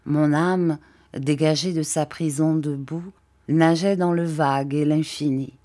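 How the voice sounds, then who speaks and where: A woman narrating a classic tale aloud with a measured, expressive delivery. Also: sits low. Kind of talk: literary story reading.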